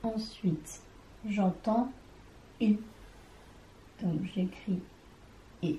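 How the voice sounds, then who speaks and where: A woman teaches a children's reading lesson, talking straight to the child and sounding out each syllable. Her voice is warm and mellow, and her pace is very unhurried. The room has a noticeable echo. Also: medium pitch, slight background noise. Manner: slow, careful, syllable by syllable; addresses the child directly.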